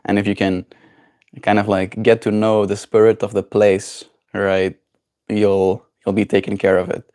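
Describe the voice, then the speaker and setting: A South African man whose voice is a little lower than most men's hosts a relaxed, casual livestream at a somewhat slow pace. His reflective thinking aloud meanders, and he keeps dropping in "right?" along the way.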